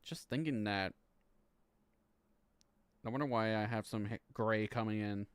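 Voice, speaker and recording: A man's voice: fairly low pitch, measured pace, clear, resonant tone, dry recording. A man in his thirties chatting casually on a live stream, rambling and swearing, laughing between lines and stumbling as he reads legal text aloud. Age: 30s. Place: home room.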